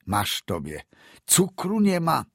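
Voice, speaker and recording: A man's voice: fairly high pitch, wildly swooping pitch, slow, vocal fry, no echo, studio quality, voice pushed up, heavily acted. A man voicing an anxious, commanding town doctor who speaks in short, clipped questions. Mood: curt.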